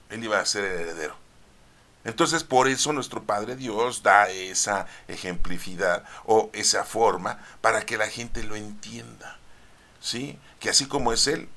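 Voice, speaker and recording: A man explaining a Bible reading in a chatty, conversational way. He keeps checking in with his listeners and pauses on "este" while he looks for words. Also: lowish voice, pushed and bright. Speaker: preacher.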